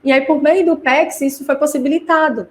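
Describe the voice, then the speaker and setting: High-sitting and steady in tone, this woman speaks fairly quickly with a Brazilian Portuguese accent. She hosts and educates in a live parents' class, explaining in a chatty way, piling up examples, and often using tag questions.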